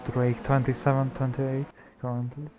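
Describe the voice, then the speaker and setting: A man's voice: medium pitch, level tone, normal speed. A man giving casual live motor race commentary as a co-commentator, in short remarks. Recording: dull, lo-fi audio with faint noise.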